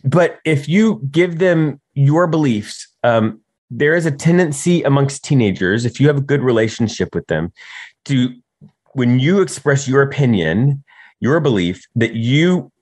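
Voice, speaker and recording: A man giving conversational advice on teaching youth, animated and often checking in with "right?". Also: mid-range voice, a little slow, no room sound.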